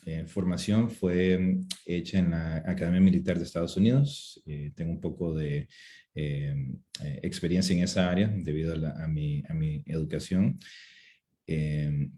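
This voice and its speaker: A man from Costa Rica giving a webinar lecture from a home office, talking haltingly with many fillers and restarts. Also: low-pitched, mellow, slight background noise. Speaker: webinar speaker. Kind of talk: lecture presentation. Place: home office with two screens.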